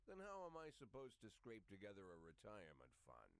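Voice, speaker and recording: An older police chief in a noir video game, weary and sardonic. His voice is low, and he speaks in dry, terse, hard-boiled lines. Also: wildly swooping pitch, brisk.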